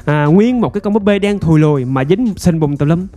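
A man telling a ghost story in a casual, chatty way, with many fillers and drawn-out phrasing. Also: a little high, lively intonation, warm tone, highs cut off, faint music behind.

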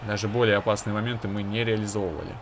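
A man's voice: fairly low pitch, flat delivery, racing, noisy background. A man giving casual, conversational commentary on his own hockey video game, with analytical asides to viewers.

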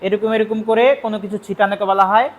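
Man, young, high-pitched, from Bangladesh, spoken English teacher, patient explaining, repeats words. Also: little pitch movement, fast talker. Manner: explains patiently, repeats words, asks and answers his own questions. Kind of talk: classroom lesson explaining vocabulary.

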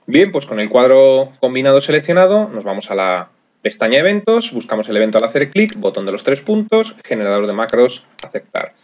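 Relaxed man explaining software. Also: mid-range voice, a little fast, dull audio. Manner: relaxed, step-by-step explaining with frequent fillers. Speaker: software course instructor. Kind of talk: screencast tutorial narration.

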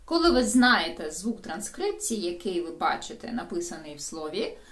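In a video lesson on English pronunciation, a woman with a lowish voice explains each sound at a normal speed. She is lively and explanatory, addressing her viewers directly.

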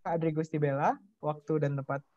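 A woman's voice: sits low, little pitch movement, brisk, mellow, no room sound. A woman moderating a webinar, politely thanking speakers and introducing the next one. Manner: polite, brief. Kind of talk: formal moderating. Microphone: video call. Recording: dry, dull call audio.

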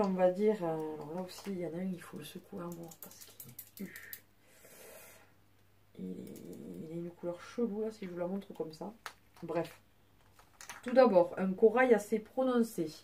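A woman's voice: mid-range voice, mellow. A young woman at home, casually showing her nail polish collection in a chatty way, full of fillers and restarts. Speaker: beauty vlogger. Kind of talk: casual product show-and-tell.

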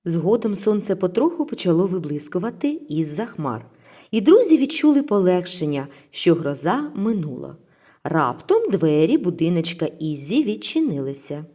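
A woman narrating a children's story in a gentle, expressive reading voice. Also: fairly low pitch, moderate pace.

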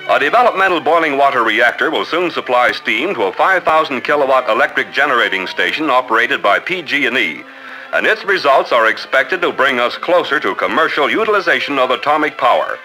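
A man giving brisk, upbeat 1950s newsreel narration. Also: medium pitch, big pitch swings, pushed and bright, soft background music, poor audio.

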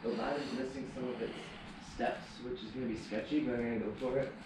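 A man's voice: medium pitch, fairly even intonation, fast talker. A man exploring an abandoned house with a friend, talking upbeat to the viewers. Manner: upbeat, addresses viewers directly. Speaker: exploring companion. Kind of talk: casual exploration chat. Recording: echoey, distant from the camera mic, noisy.

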